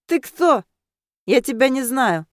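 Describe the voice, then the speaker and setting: A sulky, sharp-tongued schoolgirl who grumbles at everyone, as a woman reader puts her on. The voice sits raised and lively in a dry, close storybook reading. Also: high voice, slow, no echo, pitched above the performer's own voice, exaggerated voice. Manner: grumbling, sullen. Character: sulky sharp-tongued teenage girl in butterfly costume.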